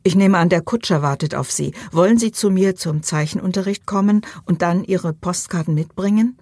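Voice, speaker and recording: A woman's voice: fairly low pitch, normal speed, dark tone, no echo, clean studio sound. A woman voicing a brooding, insistent male painter in an audiobook, speaking in a persuasive, urging way.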